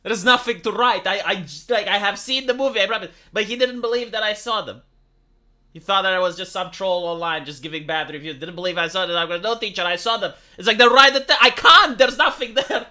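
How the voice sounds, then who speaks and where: A Romanian man with a Romanian accent, a YouTube commentator and streamer, delivers brisk, opinionated commentary in a high, pushed, bright voice. He sounds sarcastic and exasperated, speaking casually and leaning on rhetorical tag questions.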